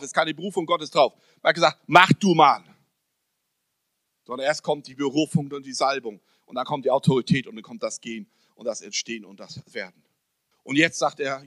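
A man preaching a sermon to a congregation, asking rhetorical questions and swinging between loud emphasis and soft, close-up speech. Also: medium pitch, no room sound. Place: church service hall.

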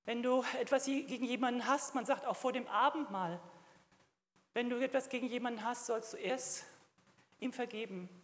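Woman, middle-aged, preacher, sermon, emphatic, fairly high voice, long hall reverb. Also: normal speed. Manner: emphatic, rising to fervent exclamations. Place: church hall.

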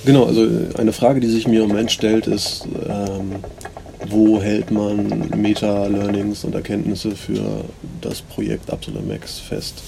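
A man hosting a podcast and musing casually, in a rambling, hesitant way with many fillers, heard on a low-quality recording. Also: animated, measured pace, creaky. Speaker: podcast host. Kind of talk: casual reflective monologue.

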